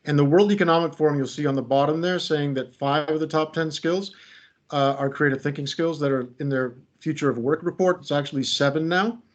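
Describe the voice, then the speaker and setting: This is a middle-aged American man, his voice on the high side and a little fast, hosting a webinar on creativity. He walks through slides in a relaxed, chatty manner, lightly poking fun at himself, and the video call sound is a bit muffled.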